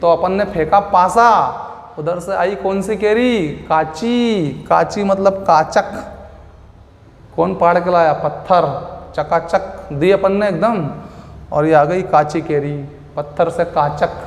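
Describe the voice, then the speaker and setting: A man's voice: high-pitched, slow pace. A male teacher giving an exam-prep vocabulary lesson, who repeats words, asks and answers his own questions, and uses playful memory tricks. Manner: playful memory tricks, addresses listeners as beta and bhaiya. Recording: echoey room with long reverb.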